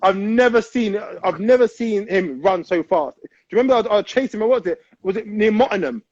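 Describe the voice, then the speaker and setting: A man's voice: a little fast, no echo. A man, bantering indignantly as a guest in a casual interview. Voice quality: high-pitched voice. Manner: animated, indignant, jokey. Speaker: guest, amateur footballer. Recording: dull lo-fi sound.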